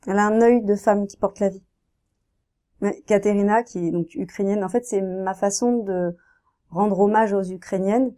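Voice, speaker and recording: A woman in her thirties, a painter, talking casually in an interview, soft-spoken and hesitant with many fillers and restarts. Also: medium pitch, steady tone, normal speed. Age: 30s.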